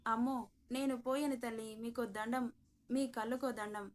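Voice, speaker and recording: Lady doing an old village toddy guy, scared and pleading, kinda highish voice. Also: fairly even intonation, moderate pace, slight background noise, lightly acted. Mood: flustered. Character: old male toddy tapper, flustered and fearful.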